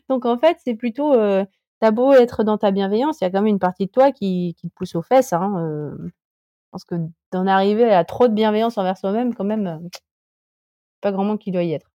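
A woman's voice: medium pitch, moderate pace, warm tone, no room sound, clean studio sound. A woman in her thirties, a climber guest on a podcast, chatting casually and hesitantly with many fillers and restarts. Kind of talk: casual interview chat.

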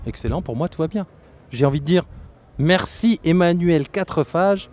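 A man's voice: a little high, lively intonation, moderate pace, a little mellow, a little hiss or hum. Easygoing male schoolteacher in podcast chat. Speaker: primary school teacher, podcast co-host. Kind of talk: casual conversation.

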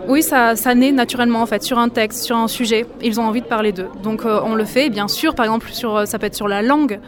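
Woman French teacher, fairly high voice, reflective, crowd chatter behind. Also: steady tone, fast. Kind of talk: interview.

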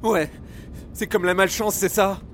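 A man's voice: high voice, steady tone, unhurried, slight background noise. An actor playing a naive, hapless young man who keeps having bad luck. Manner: naive, plaintive, shouting in panic. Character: hapless young male drug mule, endlessly unlucky.

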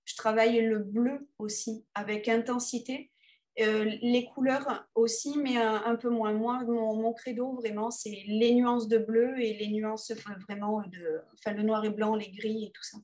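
A woman, an underwater photographer being interviewed, talking casually with many pauses and restarts. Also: on the high side, steady tone, a little mellow. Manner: hesitant, many fillers and restarts.

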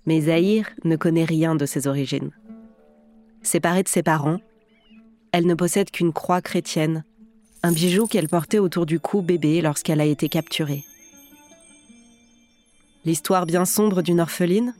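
A woman's voice: deep voice, normal speed, long pauses, darkish tone. A woman hosting a podcast, narrating a scripted story in a theatrical storyteller's way. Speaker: podcast host and actress. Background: music.

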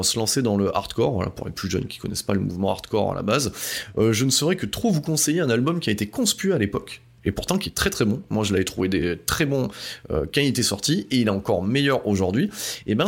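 Male podcast host, casual and rambling, a slightly low voice with grit. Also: gravelly. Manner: loose and rambling, many fillers and asides. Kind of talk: casual music podcast monologue.

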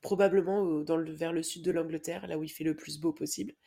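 A woman co-hosting a casual podcast, her voice pitched a touch low. She talks in a chatty, enthusiastic way, telling stories and recommending shows to her co-host. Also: fairly even intonation, fast, gravelly, dark tone. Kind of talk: casual chat.

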